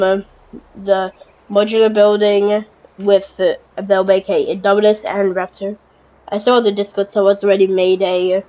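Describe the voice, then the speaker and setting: In this casual gameplay commentary, a woman with a stuffed-up nose from a cold plays a park-building game in an easygoing way. She speaks at a medium pitch in halting bits, restarting and correcting herself with plenty of fillers, and lifts with mild excitement at cute sights. The audio is poor.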